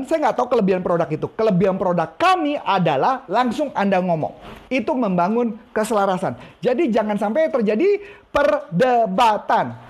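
A man's voice: high-pitched, a little mellow, breathy edge. Guy coaching a live online class, voice jumps up and down a lot, keeps repeating himself, chatty and teasing. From Indonesia. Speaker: NLP trainer and coach. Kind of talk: live-streamed training lesson.

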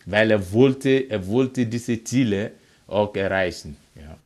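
Slow, hesitant low-voiced man from Nigeria. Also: a little mellow. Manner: hesitant, many fillers and restarts. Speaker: interviewee, father of a footballer. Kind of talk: casual interview answers.

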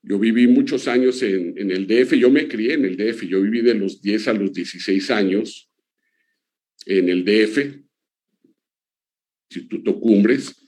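An older man in his sixties with a fairly low voice, talking through his career as a guest. His delivery is relaxed and unhurried, full of small hesitations. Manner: relaxed, many "eh" and "pues" fillers. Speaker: interview guest. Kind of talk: casual conversational answers.

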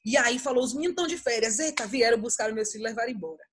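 A woman's voice: a little high, racing, slight background noise. A woman, telling family stories in a casual chat and animatedly acting out her kids' voices. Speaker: podcast co-host.

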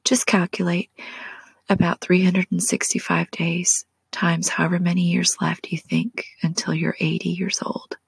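Woman, 40s, low gravelly whisper, gentle devotional ASMR-style guide. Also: level tone, no echo. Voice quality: breathy whisper. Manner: slow, soft and prayerful, speaks directly to the listener.

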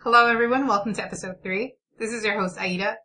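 Casting: female chat show host, mid-range pitch, crisp forward bright tone, informal delivery. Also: fast talker, faint music behind. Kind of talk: casual chat.

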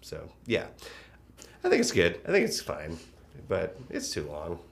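A man's voice: deep voice, wildly swooping pitch, unhurried, creaky. A man hosting a podcast, chatting casually with laughs and lots of fillers. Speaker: podcast host. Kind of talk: casual chat.

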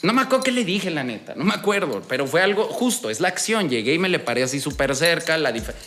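Un hombre joven con acento mexicano cuenta una historia de ligue en tono casual y lleno de jerga, hablándole al oyente como a un compa. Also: male voice, on the high side, sing-song, quick pace, fairly bright tone, a little hiss or hum. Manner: slangy, streetwise, addresses listener as buddy. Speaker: dating advice host. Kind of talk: casual storytelling monologue.

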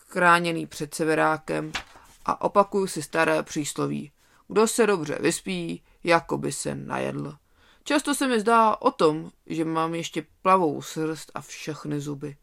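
A reader doing an old toothless wolf, gravelly and grumbling. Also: mid-range voice, a bit bright.

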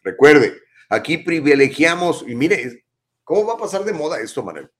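This male talk show host, aged in his fifties and from Mexico, responds to viewer messages on a live broadcast using emphatic rhetorical questions. He speaks at normal speed in a sing-song voice pitched a little high.

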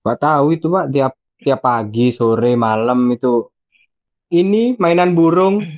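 A man's voice: mid-range voice, lively intonation, measured pace, no room sound, lo-fi sound. A younger man, answering politely and laughing along in an improvised comedy skit. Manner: deferential, laughing, says "Pak" often.

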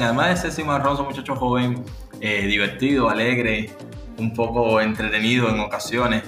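A man in his twenties from Cuba with a Cuban Spanish accent, a guest in a podcast interview, lively and quick to laugh, often restarting his phrases. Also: lowish voice, roomy sound. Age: 20s.

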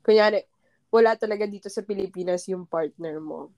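A woman's voice: mid-range voice, brisk, a little mellow, no room sound, clean studio sound. A woman in casual chat, asking playful, teasing questions.

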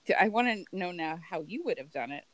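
Giggly, animated woman recapping a show. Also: fairly low pitch, fast talker, a little hiss or hum. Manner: animated, giggly storytelling with swearing. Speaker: podcast co-host. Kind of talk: casual chat recapping a TV show.

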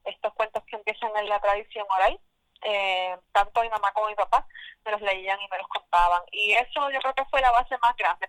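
A woman's voice: mid-range voice, fairly bright tone, no room sound, low-quality recording. A woman in her forties with a Puerto Rican accent, a poet speaking as an interview guest in a reflective way, with many fillers and restarts. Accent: Puerto Rican Spanish. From Puerto Rico. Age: 40s. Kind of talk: casual interview.

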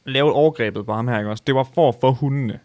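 A man's voice: mid-range voice, darkish tone. A young man co-hosting a podcast, joking animatedly with a friend and swearing freely. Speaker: podcast co-host. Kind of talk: casual chat.

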